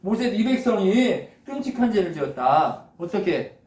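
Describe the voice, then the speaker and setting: Male pastor, high voice, animated sermon, roomy and off-mic. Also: moderate pace, crowd noise. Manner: animated, acts out God's lines with laughs. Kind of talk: lively conversational sermon. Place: church sanctuary. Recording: echoey room, mic from a distance.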